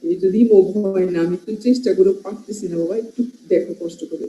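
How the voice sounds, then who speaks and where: A woman with a Bangladeshi accent gives a medical lecture, switching between Bengali and English, listing terms and checking in with "right?" Her medium-pitched voice is dark and quick, with slight background noise in a muffled, echoey classroom recording.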